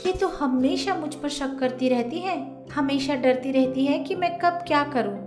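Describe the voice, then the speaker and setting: A woman voicing a greedy, hot-tempered young daughter-in-law in a cartoon story, whiny when upset and sharp when angry. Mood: sly. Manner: shrill, quick to anger, whiny when upset. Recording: roomy echo, faint music.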